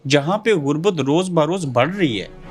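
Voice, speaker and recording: A male interviewer with a slightly high voice asks short, pointed questions that probe his guest. Faint music plays under his voice. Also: expressive, normal speed.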